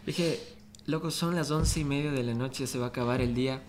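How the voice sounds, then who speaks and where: A young man telling stories in a relaxed, slangy way during a casual podcast chat in a bar. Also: mid-range voice, brisk, slight background noise. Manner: laid-back storytelling, slangy. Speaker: musician guest. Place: bar, indoors.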